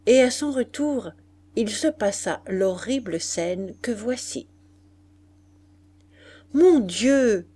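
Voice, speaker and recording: A woman narrating a classic novel in a measured, steady reading. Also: mid-range voice.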